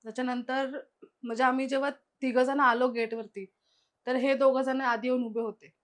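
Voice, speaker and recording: A woman's voice: high voice, little pitch movement, normal speed. A young woman guest casually retelling her own experiences, acting out the quoted dialogue of the people involved. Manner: chatty, retells events with lots of quoted dialogue. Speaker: guest sharing personal experiences. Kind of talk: casual spoken storytelling.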